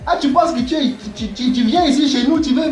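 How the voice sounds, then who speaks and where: A man voicing a loud, scolding young man, repeating himself. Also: very high voice, fast, echoey room, soft background music. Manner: shouting, scolding, repetitive.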